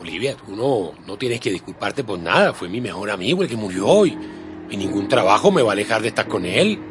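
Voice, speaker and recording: A man's voice: lowish voice, sing-song, a little fast, music in the background. An actor playing a grieving young man who has lost his best friend, speaking emotionally. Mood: sad. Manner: emotional, pleading. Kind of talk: dramatic acting.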